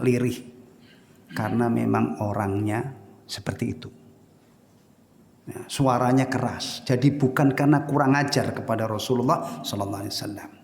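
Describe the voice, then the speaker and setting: Gravelly ustaz in an echoey prayer hall. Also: male voice, mid-range voice. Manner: conversational, asks the audience rhetorical questions. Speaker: ustaz teaching a Islamic study session. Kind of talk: informal sermon with Q&A. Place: prayer room after evening prayer. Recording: echoey hall with long reverb.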